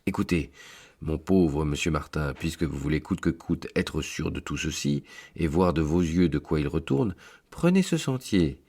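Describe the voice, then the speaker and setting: A man's voice: a bass voice, animated, moderate pace, darkish tone, breathy edge, heavily acted. A man voicing a solemn male angel who keeps the great book, speaking formally with a raised voice. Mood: insistent. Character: solemn male angel keeping heaven's ledger.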